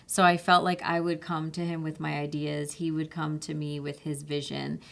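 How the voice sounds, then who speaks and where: A woman actress talking casually on a podcast, animated and full of "like" fillers. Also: deep voice, moderate pace, gravelly. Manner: animated, laughing storyteller with "like" fillers. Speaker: actress guest.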